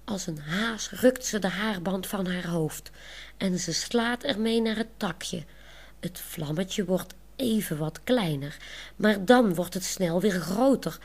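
A woman calmly narrating a children's audiobook chapter. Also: mid-range voice, takes it slowly.

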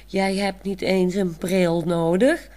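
A woman's voice: on the low side, flat delivery, takes it slowly, a little mellow. A woman voicing a proud, self-assured, talkative young woman who explains things matter-of-factly, in a storybook reading.

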